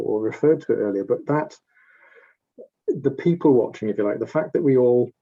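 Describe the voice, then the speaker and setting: Husky Welsh man, mellow voice. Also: mid-range voice, dull audio. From Wales. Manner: searching, restarts his phrasing. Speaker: interviewer, fellow writer. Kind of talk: casual conversational interview.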